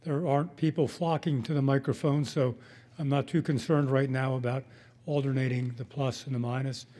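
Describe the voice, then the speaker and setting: A man with a dark, mellow voice of medium pitch chairs a town meeting. He keeps things procedural and relaxed as he calls for comments. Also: moderate pace, in a large hall. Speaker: meeting moderator.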